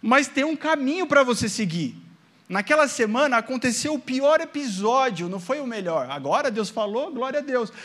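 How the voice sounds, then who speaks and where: Man preaching, from Brazil, high-pitched voice, lively storytelling, talks straight to the church. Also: moderate pace. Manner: storytelling, acting out his own past prayers and quotes; addresses the congregation directly, asking amen. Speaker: pastor. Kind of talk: sermon with personal testimony.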